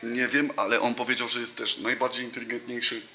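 This time the man talks fast in a mid-range, pushed and bright voice with little pitch movement. A football coach in his thirties, he's a casual interview guest prone to fillers and restarts, recorded on a table mic in front of him in a roomy, noisy cafe room with a sofa and brick wall.

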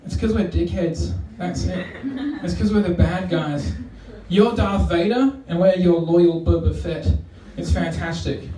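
A man's voice: high voice, a little slow, few pauses, warm tone. A man with an Australian accent doing a stand-up comedy set on a club stage, rambling and self-deprecating with lots of fillers. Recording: roomy live club sound from far off.

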